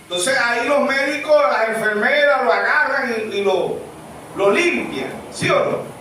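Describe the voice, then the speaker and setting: A pastor delivers a lively sermon, pitching his questions to the congregation. His voice sits high and bright. The sound booms around an echoey church, picked up from a distance. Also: unhurried, a little hiss or hum. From Venezuela. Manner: animated, full of rhetorical questions, acts out baby cries. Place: church sanctuary. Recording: echoey church room, mic far off.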